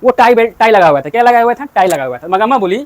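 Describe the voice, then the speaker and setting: A man's voice: high voice, animated, very fast. A man teaching a story to students, asking and answering his own questions and repeating points.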